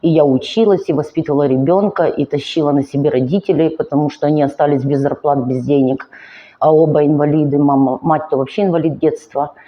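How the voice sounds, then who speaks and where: A woman's voice: low-pitched, fairly even intonation, highs cut off. Weary woman in her forties. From Ukraine. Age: 40s. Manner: earnest, emotional, slow and halting. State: weary, finds speaking hard. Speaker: vlogger. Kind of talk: personal confessional monologue.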